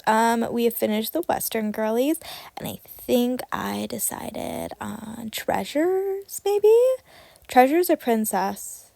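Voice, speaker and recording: A woman's voice: medium pitch, creaky, darkish tone, no room sound. A woman with a nasal voice chatting casually in a voice-over, rambling and correcting herself with lots of ums and likes. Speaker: doll collector vlogger.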